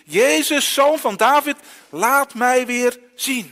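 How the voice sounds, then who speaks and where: A man voicing a desperate blind beggar who calls out loudly and pleads for help, with a long church echo. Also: on the high side, sing-song, a little slow, husky, exaggerated voice. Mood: pleading.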